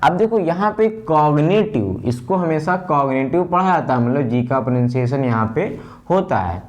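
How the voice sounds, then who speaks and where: A man teaching pronunciation, slowly drilling word patterns and repeating examples. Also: a little high, animated. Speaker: English teacher. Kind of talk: pronunciation lesson.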